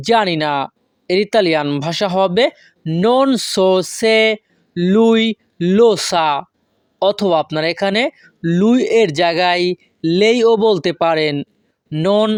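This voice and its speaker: A woman teaching a language lesson from a script, saying each phrase slowly and breaking it into single words. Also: medium pitch, no echo, studio quality. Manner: slow, careful, spells out words one by one.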